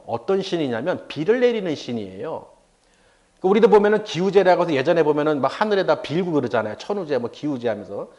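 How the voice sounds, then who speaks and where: Korean pastor preaching with lively storytelling. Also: male voice, high-pitched. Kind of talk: sermon.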